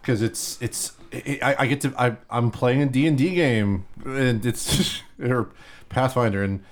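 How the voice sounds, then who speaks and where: A podcast co-host chats casually about games, rambling with many restarts and fillers. His voice is mid-range and unhurried.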